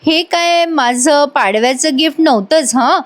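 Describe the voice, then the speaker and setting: A woman's voice: high voice, normal speed, natural voice. A woman voicing an earnest young female canteen worker in a TV show recap, pleading.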